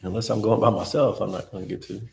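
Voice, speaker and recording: Deep, gravelly-voiced man talking fast. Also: fairly even intonation. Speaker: husband and father. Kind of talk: casual chat.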